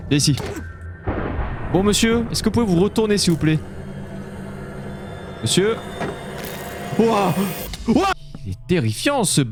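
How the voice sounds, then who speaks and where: Gaming YouTuber, male, higher voice that swings widely, jumpy and foul-mouthed, chatting to the monsters over faint music. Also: measured pace, pauses often. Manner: excitable, swears, yelps when startled; talks to the game monsters. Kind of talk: live Minecraft let's-play commentary.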